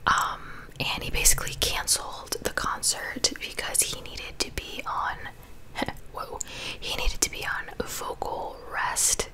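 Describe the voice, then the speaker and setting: In an unhurried whisper with a sharp edge, a young ASMR creator in her twenties dishes casual gossip. The conversational chat is recorded in a small bedroom on a large studio mic held close to her mouth.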